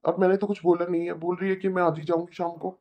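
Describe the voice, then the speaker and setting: A performer voicing an elder brother in a cartoon, calmly scolding and lecturing with a Hindi accent. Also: mid-range voice, fast talker, natural voice. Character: reasonable elder brother, young married man. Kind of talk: cartoon voice acting.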